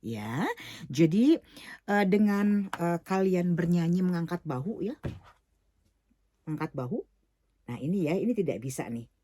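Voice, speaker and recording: A middle-aged woman teaching an online singing lesson, explaining slowly with many fillers and English words mixed in. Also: on the low side, lively intonation, warm tone, dry recording.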